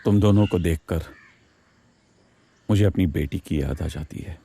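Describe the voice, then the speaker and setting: A man voicing a deep, husky kindly villager. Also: a little slow, heavily acted. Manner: calm, explaining. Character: kind older village man who helps people.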